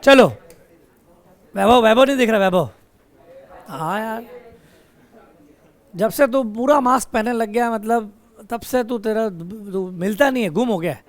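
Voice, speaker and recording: High-voiced teacher teasing his class. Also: unhurried, long pauses. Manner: teasing, scolding students between explanations. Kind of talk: classroom lecture with banter. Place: classroom with students. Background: students' chatter.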